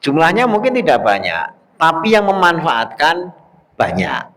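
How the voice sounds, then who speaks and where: A man preaching at an evening religious study, telling a story with lively, acted-out dialogue. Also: a little high, unhurried. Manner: lively storytelling, acts out quoted voices. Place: mosque study hall. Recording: long hall reverb.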